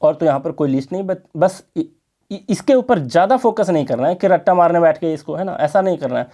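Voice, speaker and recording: A man teaching an exam-prep English grammar lesson in Hindi, explaining slowly and checking in with his students. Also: fairly high pitch, lively intonation, warm tone.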